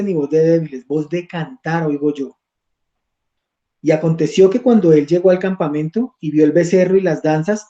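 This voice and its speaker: A man's voice: fairly high pitch, dark tone, muffled recording. A man teaching an online Bible study class, reading scripture aloud and checking in with his listeners.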